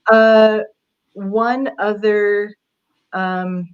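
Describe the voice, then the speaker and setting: A woman's voice: mid-range voice, steady tone, extremely slow, smooth, muffled recording. A woman career counselor giving casual advice in an interview, talking in a chatty way with many fillers.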